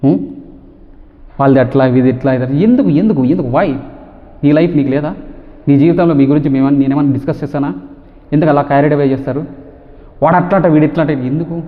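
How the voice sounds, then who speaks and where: A man vlogging to camera, talking fast and forcefully and firing off repeated rhetorical questions. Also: a little high. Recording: tinny phone-like sound with long reverb.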